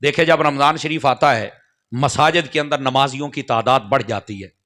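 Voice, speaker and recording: A man's voice: medium pitch, normal speed, a bit bright. A man preaching a sermon in a mosque, speaking straight to the gathering and checking that they follow. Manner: addresses the crowd directly, often checking they follow.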